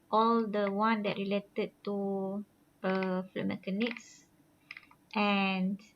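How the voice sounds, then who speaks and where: A woman lecturer with a Malaysian accent gives an online course briefing, heard through a screen recording of the video call. She talks haltingly, with many fillers and "lah" tags. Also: mid-range voice. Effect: screen-recorded online class audio. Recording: muffled screen-recorded call with faint hiss.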